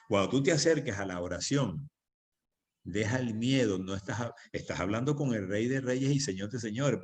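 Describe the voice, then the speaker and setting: A man's voice: on the low side, a little mellow. A man preaching as pastor in a church, teaching on prayer with emphatic repetition. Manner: emphatic, repeats phrases for stress.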